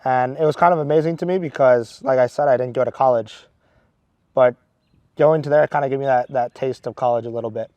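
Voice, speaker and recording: A man's voice: mid-range voice, a little fast, darkish tone, no echo. A man in his twenties from Maryland, a seminarian earnestly telling a story with many restarts. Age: 20s. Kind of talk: casual storytelling.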